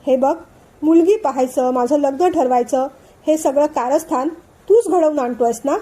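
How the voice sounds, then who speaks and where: A woman's voice: high voice, normal speed, dark tone, lightly acted. A woman voicing an irritable young man in a storybook reading, snapping short angry questions. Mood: irritated.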